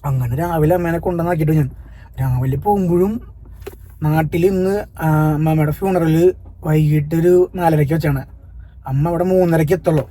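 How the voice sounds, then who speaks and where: A Malayali family vlogger speaks in a high, rapid voice with a dark, mellow tone. He tells a story earnestly, then turns sharp and scolding toward commenters. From Kerala, India. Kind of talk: casual vlog talk to viewers.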